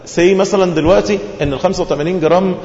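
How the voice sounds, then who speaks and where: Man, Egyptian Arabic accent, preacher, quick sermon, rhetorical questions, roomy hall echo, muffled lo-fi audio. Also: high-pitched, steady tone, darkish tone. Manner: asks the listeners questions and answers them himself. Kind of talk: religious lesson sermon. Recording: echoey hall, dull lo-fi sound.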